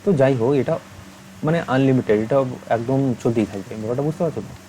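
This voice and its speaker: A young man teaching an online maths lesson, patient and steady, checking in with the listener again and again. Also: medium pitch, fast talker, a little hiss or hum, rough recording. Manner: patient, asks many check-in questions.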